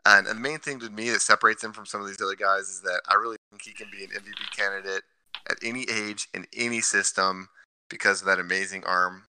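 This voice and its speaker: A man's voice: fairly low pitch, fairly even intonation, fast, pushed and bright, clean tone, no room sound, poor audio. A man co-hosting a casual sports podcast, laying out his picks with stats and reasons. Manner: analytical, cites stats. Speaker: podcast co-host.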